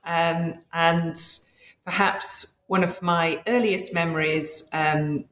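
Low-voiced woman, hesitant. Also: a bit bright, reverberant, slight background noise, rough recording. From Yorkshire, northern England. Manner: hesitant, many fillers and restarts. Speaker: guest author, scholar. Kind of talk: podcast interview.

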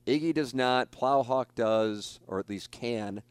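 A man's voice: mid-range voice, unhurried, clean tone, no echo. A man hosting a talk show, chatting casually and rambling, with many restarts and fillers. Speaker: radio show host.

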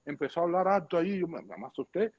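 High-voiced Cuban man telling stories. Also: fast. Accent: Cuban Spanish. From Cuba. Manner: lively storyteller, slangy asides, acts out dialogue. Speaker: former baseball pitcher, interview guest. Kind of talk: casual anecdotal storytelling. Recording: muffled lo-fi podcast audio.

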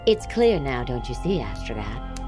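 An actress voices a haughty, theatrical, mercurial villainous empress who is imperious and quick to exasperation, in a comedic fantasy audio drama. Her female voice is very deep and sing-song, moving at normal speed with a scheming mood while music plays in the background.

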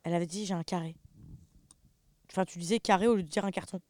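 A woman's voice: mid-range voice, rapid-fire, no echo, clean studio sound. A young woman, co-hosting a jokey casual chat. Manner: jokey, bursts into loud laughing exclaims. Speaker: co-host.

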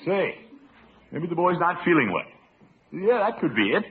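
In a 1940s-50s radio comedy, a man plays a blustery, pompous middle-aged uncle who frets and worries, letting out theatrical exclamations. His voice is a little high with big pitch swings at normal speed, and the old broadcast sounds tinny and noisy.

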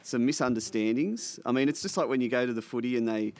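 A man's voice: mid-range voice, quick pace, a little mellow, dry recording. An Australian man co-hosting casual, comic sports chat in a wry, blokey, rambling way. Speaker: sports talk show co-host.

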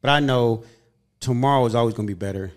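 Talking fast in a mid-range voice, a podcast host in his fifties from Southern California tells stories with earnest, upbeat energy over a casual chat.

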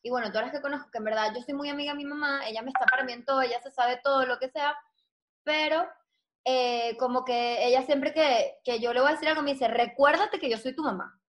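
A woman, chatting casually with friends and telling animated stories. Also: high voice, quick pace. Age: 20s. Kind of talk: casual chat among friends.

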